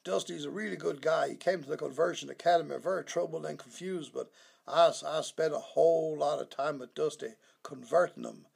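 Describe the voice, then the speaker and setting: Someone doing a shady runaway preacher guy on speakerphone, super gravelly and raspy, stammery and smug. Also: mid-range voice, fairly quick, a little mellow. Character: sleazy, evasive fugitive male preacher. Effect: heard over a speakerphone. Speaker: caller. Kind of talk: comedy sketch.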